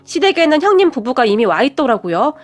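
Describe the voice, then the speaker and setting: A woman narrates a first-person radio story in a steady, scripted way. Her voice is high. Soft music plays faintly underneath. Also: quick pace.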